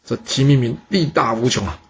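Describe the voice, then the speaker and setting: A man telling a history story in a lively, chatty way. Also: mid-range voice, slight background noise. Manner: lively, chatty, drawn-out particles. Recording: dull lo-fi recording.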